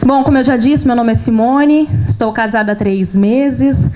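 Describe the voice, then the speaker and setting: A young Brazilian woman in her twenties gives a lively personal testimony at a church workshop, acting out her own prayers and conversations. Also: fairly high pitch, moderate pace. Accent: Brazilian Portuguese. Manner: animated, acts out her own prayers and dialogue. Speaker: workshop speaker. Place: event hall with an audience.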